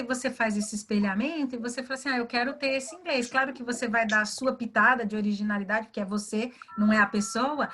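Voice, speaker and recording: A fairly high-voiced woman from Brazil speaks as a mentor in an online webinar. She talks in a lively way, acts out little dialogues and keeps checking in with her listeners. The sound comes through a video call. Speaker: guest, career and English mentor. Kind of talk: explaining in a webinar chat.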